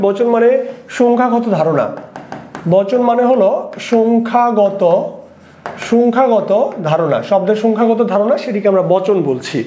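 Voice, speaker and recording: A man's voice: very high voice, darkish tone. A man teaching an exam-prep lesson, asking rhetorical questions and repeating the key points. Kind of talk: lecture solving exam questions. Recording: roomy echo.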